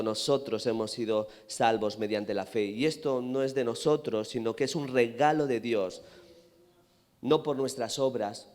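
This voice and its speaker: A man with a Spanish accent from Spain preaching a sermon, building to loud emphatic peaks and questioning the congregation. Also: medium pitch. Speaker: pastor. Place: church hall. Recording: reverberant hall.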